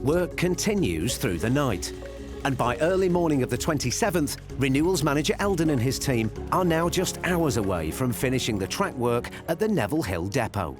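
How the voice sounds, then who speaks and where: A man's voice: mid-range voice, very animated, moderate pace. A man reading scripted narration for a documentary as its narrator. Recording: music behind the voice. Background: background music.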